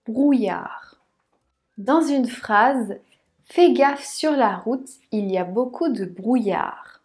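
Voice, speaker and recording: A woman teaching French pronunciation, repeating words slowly syllable by syllable. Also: a little high, a little mellow. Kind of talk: slow, careful pronunciation lesson.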